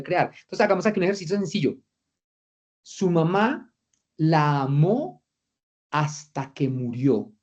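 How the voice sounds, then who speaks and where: Trainer with a mellow voice on a call. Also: medium pitch, dull audio. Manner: engaging, reads chat replies aloud, rhetorical questions. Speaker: trainer of a virtual course. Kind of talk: interactive online lecture. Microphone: video call.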